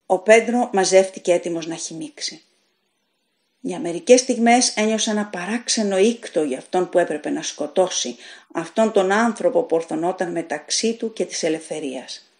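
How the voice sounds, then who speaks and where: A woman reads a short story aloud in a fairly low voice, taking a steady, deliberate pace. Her delivery is measured and dramatic, in the manner of a practiced audiobook narrator.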